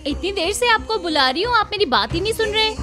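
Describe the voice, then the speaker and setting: A woman dubbing a spirited young heroine who answers back with quick, sharp retorts. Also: extremely high pitch, animated, music in the background. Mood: coaxing. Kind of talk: Hindi film dub.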